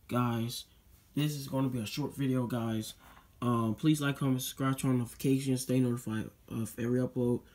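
Sitting at his desk, a teen boy hosting his own YouTube channel chats loosely through a casual unboxing vlog. His ordinary mid-pitched voice is a little mellow. He rambles with plenty of fillers and repeated "guys," and keeps circling back to the same requests.

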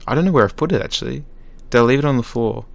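A man's voice: mid-range voice, rapid-fire, vocal fry. A man hosting a gaming video, bantering casually over voice chat and swearing now and then. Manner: laid-back, swears casually. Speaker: gaming channel host. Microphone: desktop microphone for voice chat.

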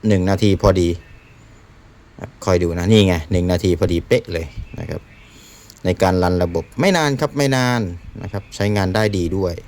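A man's voice: low voice, expressive, normal speed, darkish tone. A man giving a casual product demonstration as a seller. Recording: faint background noise.

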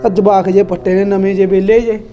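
A woman with an Indian Punjabi accent playing a boastful, scheming middle-aged village husband who bickers with rapid comebacks. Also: medium pitch, level tone, dark tone, muffled recording, soft background music, close to an everyday voice. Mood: irritated. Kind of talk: comedy skit acting.

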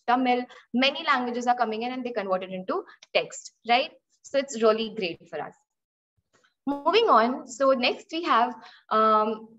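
This webinar instructor is a young Indian woman whose voice is a little high and a bit bright, with an Indian English accent. Teaching data analytics online from an indoor room, she explains through examples, questions her students, and often restarts or repeats phrases; the laptop mic on the video call gives dull lo-fi sound.

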